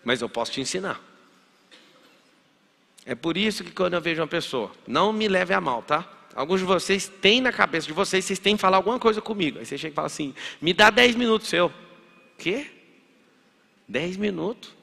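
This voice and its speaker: A man's voice: high-pitched, animated, fast talker, vocal fry, pushed and bright. A man with a Brazilian Portuguese accent giving a punchy motivational lecture, firing rhetorical questions. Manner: punchy, acts out dialogues, fires rhetorical questions. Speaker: motivational speaker. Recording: echoey hall with long reverb.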